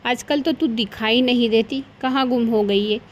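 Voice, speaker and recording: A woman's voice: on the high side, moderate pace, a little hiss or hum, natural voice. A woman voicing a scheming sweet-talking mother-in-law. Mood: coaxing. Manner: coaxing, heaps on flattery.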